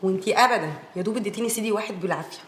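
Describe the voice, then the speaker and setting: Actress as an insistent Egyptian friend, very rapid talk, roomy echo. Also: female voice, medium pitch, a bit bright, slight background noise, natural voice. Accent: Egyptian Arabic. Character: worried but reassuring woman friend.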